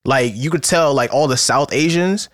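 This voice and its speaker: A man's voice: mid-range voice, moderate pace, very noisy. A young man co-hosting a podcast, explaining things in a loose, filler-heavy casual way. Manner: explains at length with many fillers. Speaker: podcast co-host. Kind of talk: casual chat.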